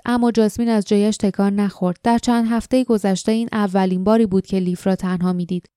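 Woman narrator for an audiobook, mellow warm tone, steady and measured storytelling. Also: medium pitch, smooth, no echo, clean studio sound.

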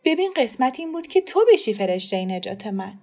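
A woman's voice: medium pitch, very animated, a little mellow, faint music behind. A woman doing a fretful older woman. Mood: pleading. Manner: fretful, lamenting. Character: frantic older woman, anxious about disgrace.

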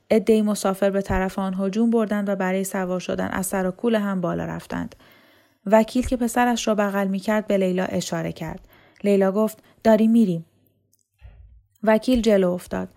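Woman, storyteller, novel narration, steady, measured, mid pitch.

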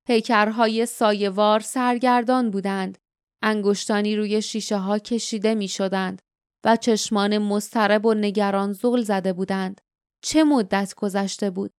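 Recorded dry and clean in studio quality, a woman reads scripted audiobook narration. She voices the dialogue lightly in character, pitching up whenever she reaches a quote.

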